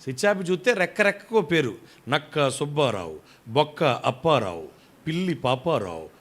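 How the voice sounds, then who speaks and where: A middle-aged male pastor delivers an animated sermon, his fairly high voice rising loud on key points and dropping to soft, quiet asides. He preaches with a storytelling warmth of pace and emphatic repetition. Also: moderate pace.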